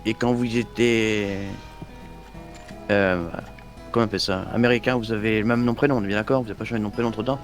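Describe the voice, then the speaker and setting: A man's voice: fairly low pitch, steady tone, quick pace, faint music behind. Probing man with a northern French accent. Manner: probing, questioning, joking. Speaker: lawman roleplay player. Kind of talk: in-character western roleplay.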